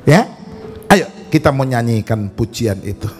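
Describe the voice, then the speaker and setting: A man preaching at a church service, moving between lively storytelling and playful questions put to the congregation. His voice sits at an ordinary mid pitch, and soft music can be heard behind him. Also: a little slow. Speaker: pastor. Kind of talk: sermon.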